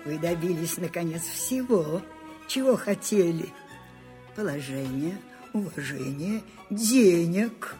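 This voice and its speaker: An imperious old grande dame, slow-spoken. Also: female voice, fairly low pitch, expressive, dark tone, faint music behind. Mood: coaxing. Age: older. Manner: commanding, then coaxing and pleading. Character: imperious elderly grande dame, demanding and forgetful. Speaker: aging grande dame dictating her memoirs. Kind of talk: dubbed film drama.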